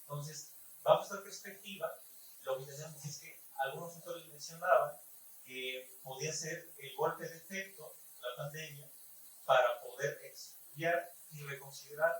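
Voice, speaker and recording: A man's voice: a little high, fairly bright tone. Mexican man in a very echoey hall. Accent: Mexican Spanish. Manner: formal, measured academic reasoning. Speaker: audience member at a conference. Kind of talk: conference question-and-answer comment. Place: conference hall. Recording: very echoey hall, voice far from the mic, faint room noise.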